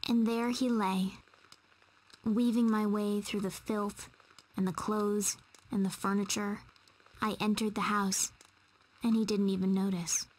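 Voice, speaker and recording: A woman reading a story narration in a measured, storytelling voice. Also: mid-range voice, little pitch movement, natural voice, rough recording.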